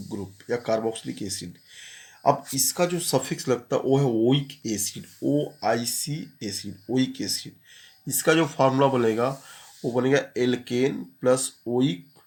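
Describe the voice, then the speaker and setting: A man's voice: mid-range voice, a little mellow. A man teaching chemistry in a classroom-style lecture, explaining step by step, repeating key terms, and asking and answering his own questions.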